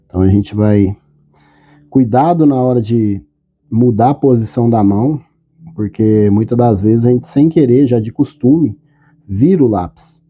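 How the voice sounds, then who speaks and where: A man teaching a step-by-step drawing tutorial, calm and patient, often checking in with short questions. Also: medium pitch, unhurried, slightly rough, dull audio.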